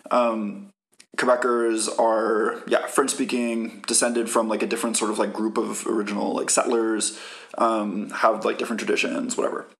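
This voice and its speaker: Here a podcast co-host with a low-leaning, gravelly and somewhat bright voice talks at a normal pace in a level tone. He goes on at length about political background, casually filling it with "um" and "like."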